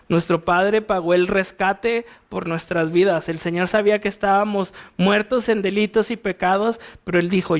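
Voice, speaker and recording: A man with a Mexican accent, teaching a Bible passage as a pastor in a conversational way, often asking his listeners questions. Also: high-pitched.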